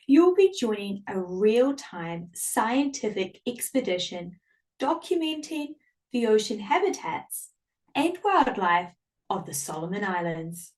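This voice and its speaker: A woman's voice: mid-range voice, a little mellow. A woman hosting a live online classroom in an enthusiastic, welcoming, upbeat presenting style. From Samoa or New Zealand. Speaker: host.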